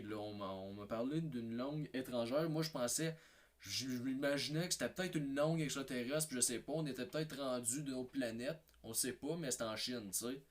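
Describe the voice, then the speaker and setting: Québécois man, rambling comic story, hesitant, repeats himself, mid pitch. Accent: Québécois French. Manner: hesitant, repetitive, full of fillers and restarts. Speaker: comedy video maker. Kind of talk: rambling comedic anecdote.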